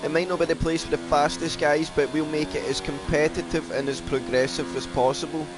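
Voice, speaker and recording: A man with a South African accent commentating an online racing league, calling out lap times in a brisk, chatty way. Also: a little high, little pitch movement, over music. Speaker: race commentator.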